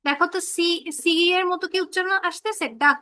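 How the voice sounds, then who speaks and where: A woman's voice: extremely high pitch, fast, pushed and bright, no echo. A woman teaching children English phonics in an online class, patiently repeating example words and checking that they follow.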